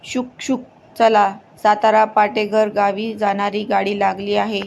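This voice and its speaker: A woman's voice: medium pitch, flat delivery, a little slow, gravelly, a little mellow, lo-fi sound, slight background noise. A woman voicing a bus depot announcer calling passengers in a horror story narration.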